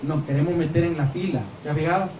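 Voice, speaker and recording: Brief: older male pastor, high voice, animated sermon, echoey church heard from a distance. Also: fast, muffled recording. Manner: animated preaching, acts out voices and gestures. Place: church hall. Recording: echoey church sound from far off with faint noise.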